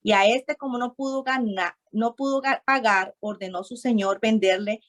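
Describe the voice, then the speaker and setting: A woman's voice: on the high side, normal speed. A woman preaching a sermon, reading scripture aloud and stopping often to urge her listeners to repeat and underline the verses.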